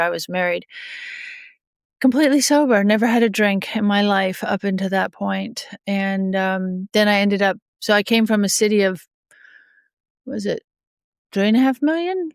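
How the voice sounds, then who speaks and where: Her voice is mid-range, creaky, clear and resonant, captured in clean studio sound with no room noise. She's a middle-aged, Australian-raised judge and podcast guest, candidly telling her recovery story while slightly sniffly from a passing cold. She often laughs softly and uses lots of fillers and restarts.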